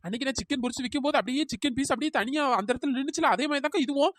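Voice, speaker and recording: Rapid-fire, ranting young village woman, voiced by a woman, for a cartoon; high, indignant. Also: no echo, clean studio sound. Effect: pitch-raised cartoon voice. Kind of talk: cartoon storytelling.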